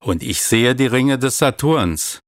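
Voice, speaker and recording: A man voicing an eager young boy who speaks quickly. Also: mid-range voice, lively intonation, no echo, clean studio sound, voice pushed up.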